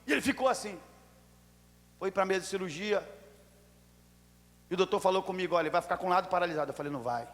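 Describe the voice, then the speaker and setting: A Brazilian pastor preaching in a church, his high-pitched voice carrying a long reverb through the hall. He tells his story dramatically, sinking to near whispers and then bursting into shouts. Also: quick pace, long pauses. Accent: Brazilian Portuguese. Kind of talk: sermon.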